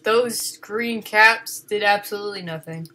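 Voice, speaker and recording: A woman giving casual game commentary, swinging from panicked shrieks and swearing to low muttering. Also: unhurried, pushed and bright. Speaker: gaming video host.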